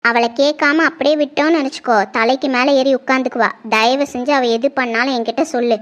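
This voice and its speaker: A woman's voice: high-pitched, fairly even intonation, brisk, natural voice. A woman playing a firm, protective aunt. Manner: firm and insistent. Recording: muffled lo-fi sound.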